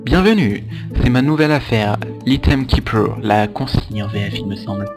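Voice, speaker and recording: A man voicing a cheery male creature shopkeeper in a game, reading the text aloud with halting pauses over loud game music. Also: on the low side, natural voice.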